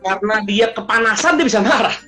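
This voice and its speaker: A coach, telling stories in an animated way in casual chat and slipping in English phrases. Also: medium pitch, quick pace, soft background music. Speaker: emotional intelligence coach.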